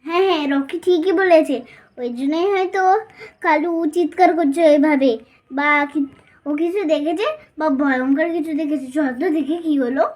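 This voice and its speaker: A woman's voice: high voice, moderate pace, a little mellow, a little hiss or hum, lightly acted. A woman voicing a moody older sister, a young girl who grumbles and sulks. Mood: worried. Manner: grumbling, sulky. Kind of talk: doll story voice acting.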